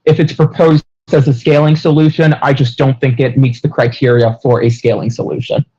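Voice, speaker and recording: A man on a remote video call whose audio keeps cutting out, speaking in a measured way as a panel guest. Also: medium pitch, level tone, darkish tone, breathy edge, highs cut off. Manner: measured, apologetic about his connection. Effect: choppy, cutting-out online call audio. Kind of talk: casual online panel discussion.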